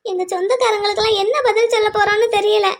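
A woman's voice: extremely high pitch, fairly even intonation, fast talker. A woman voicing a tearful, anxious young widowed woman in a cartoon drama, speaking in a pleading, distressed way.

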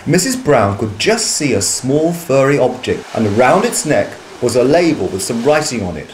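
A man reading a children's storybook aloud with an expressive, storytelling delivery. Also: mid-range voice, moderate pace, slight background noise, poor audio.

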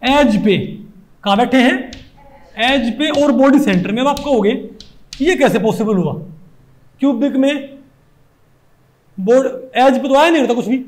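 A man's voice: very high voice, a little slow, pauses often, darkish tone. A male chemistry teacher with a Hindi accent lecturing a class, who keeps asking rhetorical questions and repeating his points.

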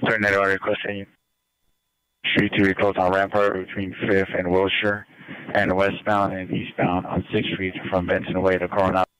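A man's voice: low voice, completely flat delivery, moderate pace, a bit bright, clean tone, no echo, low-quality recording. A man working as a police dispatcher, relaying status reports procedurally over a police radio. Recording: police scanner radio transmission.

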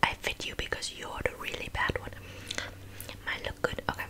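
A woman's voice: moderate pace, lightly acted. Woman's whispered role-play of a bossy, accented makeup artist. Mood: blaming. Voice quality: breathy unvoiced whisper with wet mouth sounds. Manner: scolding, blunt, clipped phrasing. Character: bossy, blunt, insulting female makeup artist.

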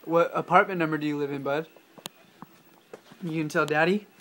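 A young dad speaks in a relaxed, playful way, asking his little one simple questions and laughing softly at the answers. It is an easygoing home video recorded in the family's apartment. A faint hum of room ambience sits behind his voice. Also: fairly high pitch, moderate pace. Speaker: father. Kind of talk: casual home video chat with a toddler.

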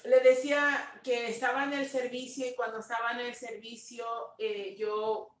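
A woman pastor speaking slowly and tenderly on a livestream, sharing a testimony and greeting viewers, sometimes slipping in English words. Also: on the high side, level tone, roomy sound, recorded from a distance, slight background noise. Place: home room, dim. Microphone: phone on a live stream.

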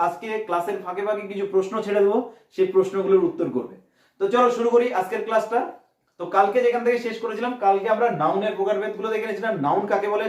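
A man's voice: high-pitched, reverberant. A man with a Bengali accent teaching an exam-prep English lesson, explaining step by step and asking and answering his own questions. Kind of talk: online exam coaching lesson.

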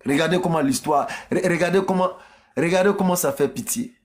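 A man's voice: on the high side, brisk, a little mellow. A man preaching on a live stream, emphatic and repetitive, firing rhetorical questions at his audience. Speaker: religious debater. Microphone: phone or streaming mic.

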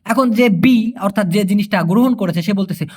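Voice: medium pitch, fairly quick, darkish tone, slightly rough. A language teacher, explaining a lesson patiently and repeating phrases.

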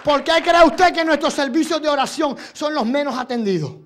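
A male evangelist preaching an impassioned sermon at a church service, switching between Spanish and English and building from quiet talk to fervent shouting. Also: very high-pitched, animated, brisk, some chatter behind, a little hiss or hum.

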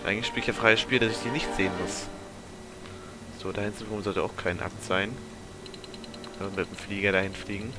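A man with a lowish voice gives casual, off-the-cuff commentary while gaming. He mutters to himself with a mild grumble, and game music plays clearly behind him. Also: level tone, a little fast, long pauses. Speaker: let's player.

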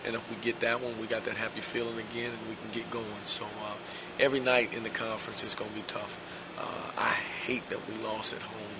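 A middle-aged man, a basketball head coach, giving a measured post-game interview in a large empty indoor arena, with frequent "uh" fillers. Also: on the low side, level tone, background noise.

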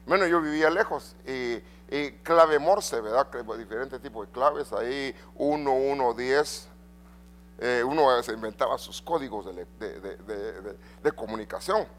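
A middle-aged man preaching a sermon in a church, swinging between loud and soft and asking the congregation questions. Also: mid-range voice, measured pace. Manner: addresses congregation with rhetorical questions. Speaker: pastor.

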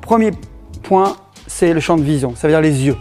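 High-voiced middle-aged French self-defense instructor. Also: male voice, lively intonation, moderate pace, darkish tone, soft background music. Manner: jokey, laughs often while explaining. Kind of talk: casual teaching demonstration.

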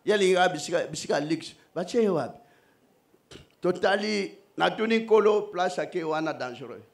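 Emphatic high-voiced male preacher. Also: expressive, normal speed, vocal fry. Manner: emphatic, raising his voice to the congregation. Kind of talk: sermon mixing Lingala and French.

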